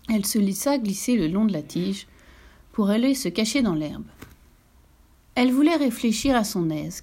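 Woman, storyteller, children's story read aloud, gentle, expressive, soft whispers. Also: mid-range voice.

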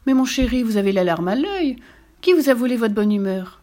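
A woman's voice: on the high side, animated, fairly quick, warm tone, voice pushed up, lightly acted. A woman voicing a cheerful young countess and mother who speaks in a sweet, coaxing way. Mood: concerned.

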